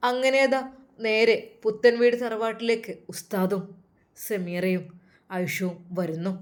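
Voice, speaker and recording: A woman's voice: medium pitch, level tone, measured pace. Woman narrating a dramatic story.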